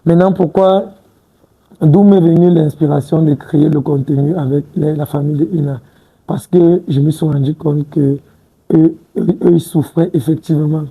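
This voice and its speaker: A man's voice: a little high, steady tone, normal speed, dark tone, husky, rough recording. A man in his twenties, a guest in a studio interview, talking casually and hesitantly, restarting words and often adding "tu vois un peu". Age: 20s. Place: TV studio set.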